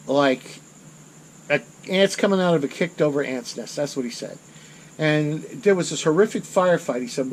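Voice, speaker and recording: A man's voice: on the high side, a little hiss or hum, rough recording. Rambling middle-aged man telling a story. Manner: rambling, self-correcting, rises in intensity at dramatic moments. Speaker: channel host. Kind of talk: casual storytelling monologue.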